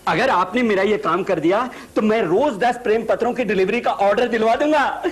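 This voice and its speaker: A man's voice: high-pitched, fairly quick, lightly acted. An actor playing a shy, lovesick young man who pleads to send a love letter. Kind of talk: 1990s TV sitcom acting.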